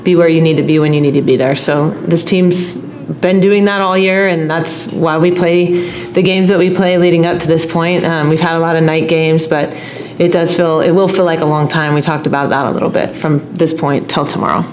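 A middle-aged woman coach speaks into a table microphone at a press conference, her voice low and her answers measured and steady. The room is echoey, and a faint hum sits underneath. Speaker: head coach. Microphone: table mic.

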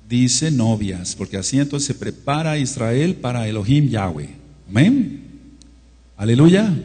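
A male preacher leads a scripture study in an emphatic, drawn-out way and breaks off often to address his listeners. His voice is mellow and slightly husky. It rings with the long reverb of a large hall. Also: mid-range voice. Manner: emphatic, drawn-out teaching with frequent asides. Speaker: teacher of a Torah study. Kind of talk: Bible study sermon.

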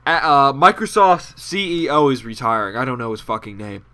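A man's voice: medium pitch, normal speed, sharp tone. A young man giving rambling, profane, sarcastic commentary over his gameplay, with a nasal voice. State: out of breath. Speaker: gaming commentator.

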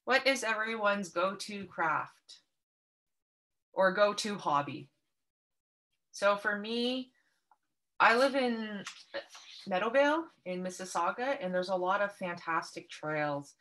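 A Canadian woman instructs an online paper craft workshop, calmly and kindly explaining each step over video. Her mid-range, slightly bright voice moves slowly, with long pauses between phrases.

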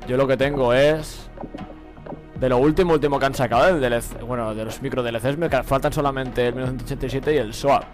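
A man's voice: mid-range voice, fairly even intonation, fast talker, soft background music, poor audio. A young man with a Spain Spanish accent, giving slangy, profane live gameplay commentary and laughing often. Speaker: gaming streamer.

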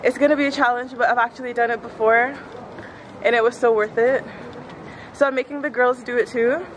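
Upbeat high-voiced young woman vlogging outdoors. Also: fairly even intonation, fairly quick. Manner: chatty, upbeat, addresses viewers. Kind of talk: casual travel vlog. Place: outdoors in a busy city. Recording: noisy street with crowds.

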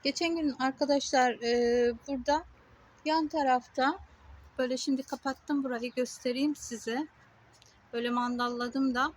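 A woman with a high voice talks straight to her camera outdoors. She is indignant and emphatic, and she hammers her point home in short, repeated phrases. Her tone is plain and conversational. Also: steady tone, normal speed. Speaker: vlogger. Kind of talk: casual talk to camera. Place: outdoors on a street.

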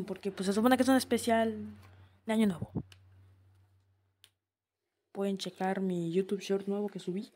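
A woman giving let's-play commentary as a gaming host, excitable, yelping and laughing when startled. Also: mid-range voice, measured pace, long pauses, slight background noise.

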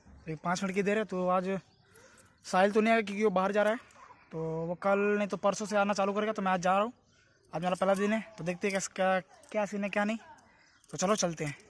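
High-pitched and quick, a young man keeps a fairly even intonation as he vlogs casually into his phone, speaking to viewers like friends. The scene shifts between inside and outside a home, recorded noisily on a phone held at arm's length.

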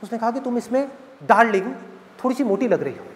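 Man playing indignant newlywed young woman, dramatic complaints, high voice, echoing hall. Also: animated, fast talker. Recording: roomy hall with audience noise.

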